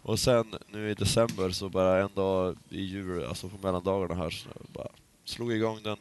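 A man's voice: low-pitched, fairly even intonation, smooth. A man co-hosting a casual podcast chat, talking hesitantly with many fillers and restarts. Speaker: podcast co-host.

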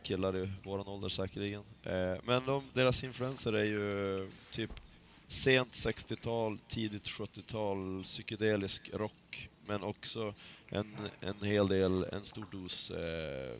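A man's voice: on the low side, steady tone, hardly any pauses, a little hiss or hum. A man co-hosting a casual podcast chat, talking hesitantly with many fillers and restarts. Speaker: podcast co-host.

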